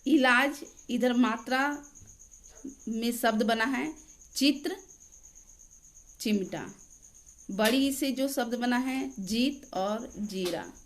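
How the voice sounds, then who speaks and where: A woman teacher reads out a grammar lesson at an unhurried, deliberate pace. Her voice sits a little high, and she dictates each example word by word, as if for note-taking. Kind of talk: grammar lesson read aloud.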